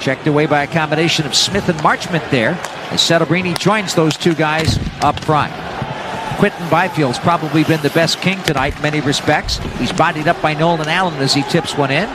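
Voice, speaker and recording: High-pitched male hockey announcer, North American. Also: brisk, noisy background. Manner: energetic, descriptive running call. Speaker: ice hockey play-by-play radio announcer. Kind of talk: live sports play-by-play commentary.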